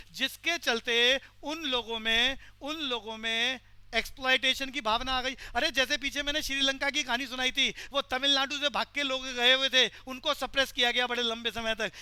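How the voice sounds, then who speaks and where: A male teacher lecturing a class and pressing the students for quick answers. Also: very high-pitched, bright, forceful tone, smooth, dry recording.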